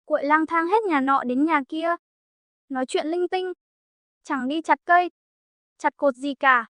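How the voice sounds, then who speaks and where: Female storyteller, high register, dry close sound; folk tale reading, characters kept in her own voice. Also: unhurried, a bit bright, no echo.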